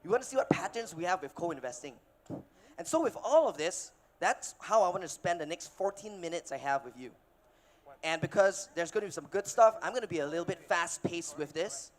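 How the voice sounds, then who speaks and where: A man in his thirties from Malaysia, giving a casual, energetic keynote on a conference stage with filler words and restarts. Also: high voice, a little fast. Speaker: keynote speaker, investor. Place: conference stage before an audience.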